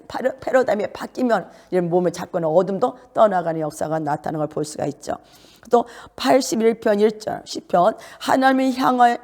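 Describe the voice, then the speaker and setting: A middle-aged woman pastor preaching a sermon, often asking her listeners rhetorical questions and jumping up into high notes to make a point. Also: gravelly, dark tone. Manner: rhetorical questions to the congregation, sudden jumps to high pitch.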